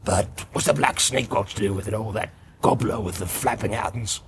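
A man voicing a sullen male orc tracker who mutters complaints and snarls back in a gravelly voice. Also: lowish voice, moderate pace, very noisy. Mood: sullen grumbling. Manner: muttering and grumbling, flaring into snarls.

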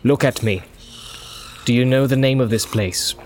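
A man voicing a noble, stern captain in an audiobook, measured, formal and solemn. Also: medium pitch, darkish tone, slight background noise, lightly acted. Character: grave noble male captain, stern and just. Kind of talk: audiobook character voice.

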